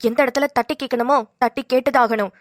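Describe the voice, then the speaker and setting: A woman's voice: high-pitched, fairly even intonation, fast, slight background noise, close to an everyday voice. A woman voicing a bold, caring young woman in a cartoon, firm and encouraging. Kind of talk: cartoon voice acting.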